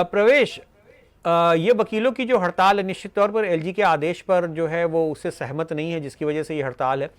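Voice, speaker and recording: A male news anchor reading a report and putting formal questions to a reporter. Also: high voice.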